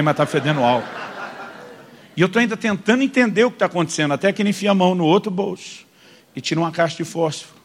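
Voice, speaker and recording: A Brazilian man preaching, a pastor with a rather high voice. He tells his story animatedly to the congregation, acting out the lines of the people in it. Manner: animated storyteller, addresses listeners as "irmão", acts out quotes. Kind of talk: sermon storytelling.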